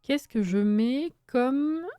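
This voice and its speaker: A woman's voice: sits high, lively intonation, extremely slow, mellow, smooth, no room sound, clean studio sound. A young woman chatting casually on a live stream while building in a game, reading chat aloud, swearing and laughing often.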